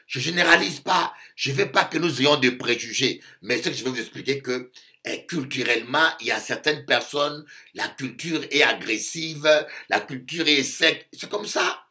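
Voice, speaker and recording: A man from Africa preaching a sermon as a bishop, animated and repeating phrases for emphasis, often acting out other voices. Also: mid-range voice, normal speed.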